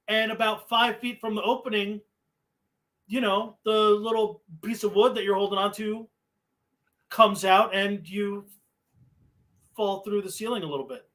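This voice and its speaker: A man talks in a casual chat with a high, bright, forward voice. He tells his story slowly and lets each phrase stretch out. His pace stays relaxed and unhurried throughout.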